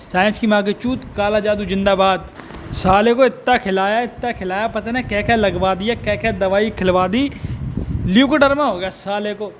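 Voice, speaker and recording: A man's voice: high-pitched, slight background noise. A man delivering a profane, mocking comedic rant. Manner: abusive, mocking rant with frequent swearing. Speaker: comedic roaster.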